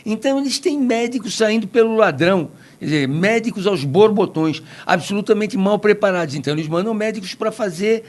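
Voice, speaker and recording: High-voiced opinionated Brazilian man. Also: brisk, hardly any pauses, darkish tone. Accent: Brazilian Portuguese. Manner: opinionated, tells anecdotes, digressive. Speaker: podcast commentator. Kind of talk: opinionated podcast discussion.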